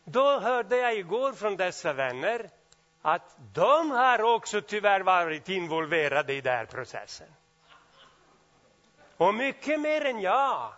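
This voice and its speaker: A man preaching a sermon, swinging between loud exclamations and quiet asides. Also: sits high, big pitch swings, muffled recording.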